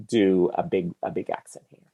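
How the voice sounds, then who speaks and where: A man chats about movies on his podcast with a gravelly edge to his voice. He talks casually and a little hesitantly, filling pauses with ums and likes as he thinks. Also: low voice, fairly even intonation, dark tone. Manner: hesitant, thinking aloud with many fillers. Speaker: podcast host. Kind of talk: casual film discussion.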